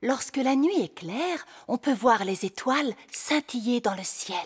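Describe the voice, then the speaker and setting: A woman voicing a calm, patient fairy queen mother in a cartoon dub. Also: a little high, unhurried, husky, heavily acted. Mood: explaining.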